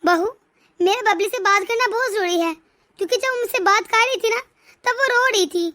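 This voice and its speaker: A worried mother-in-law in a cartoon family drama, voiced by a woman, high-pitched and anxious. She pleads and frets over her daughter. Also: moderate pace, sharp tone.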